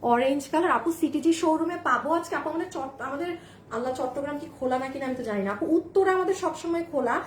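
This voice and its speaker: Woman, live-stream dress seller, high voice, loud and chatty, echoey room with faint hiss. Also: fast talker. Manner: chatty, persuasive, addresses viewers as sister; says her voice is very loud. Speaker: online clothing seller.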